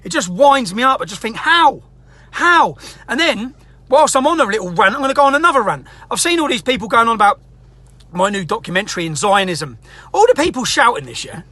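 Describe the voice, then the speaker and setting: A man's voice: very high voice, sing-song, fast talker, bright, forceful tone, no echo. An angry man ranting straight to camera as a political activist, sweary and combative, hammering his points again and again. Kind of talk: angry direct-to-camera rant.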